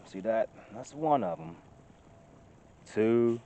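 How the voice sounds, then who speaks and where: Out in the woods, a thirties-aged vlogger talks casually into a phone camera held at arm's length, his medium-pitched, slow voice marked by vocal fry. Chatty, he grows loud and excited showing off his work. The outdoor phone audio is dull, lo-fi, and noisy.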